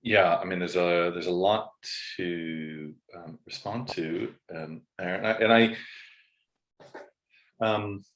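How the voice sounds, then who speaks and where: Male podcast host, deep voice, halting and searching for words. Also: a bit bright. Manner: hesitant, halting, many restarts. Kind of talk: casual conversation.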